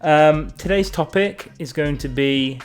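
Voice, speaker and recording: A man's voice: fairly high pitch, unhurried, faint music behind. A man chatting casually to camera as a fashion vlogger, self-mocking and sweary, often trailing off and restarting his sentences. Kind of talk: casual rambling chat to camera.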